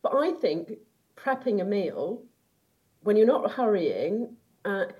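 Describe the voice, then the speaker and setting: A woman's voice: medium pitch, big pitch swings, slow, dull audio. Woman guest, enthusiastic and giggly, rambling casual chat. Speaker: podcast guest.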